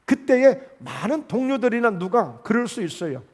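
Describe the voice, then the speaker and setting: Male pastor, high-pitched, preaching in church and acting out the voices in his stories. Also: very animated, moderate pace, a little mellow. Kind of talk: sermon. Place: church sanctuary.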